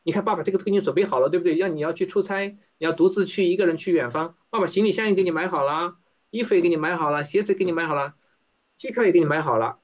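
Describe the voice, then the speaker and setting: A man's voice: high voice, racing, voice pushed up, close to an everyday voice. A man voicing a doting father who eagerly fusses over his child. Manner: fussing, eager, listing everything prepared. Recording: dull lo-fi recording.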